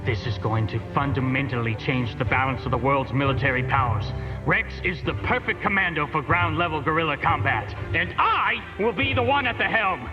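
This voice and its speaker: An arrogant young heir, speaks in a fairly high, haughty voice full of scheming villain pride. The recording is a worn, muffled VHS tape copy. Music runs clearly behind him. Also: male voice, expressive, a little fast. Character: arrogant, power-hungry young male heir.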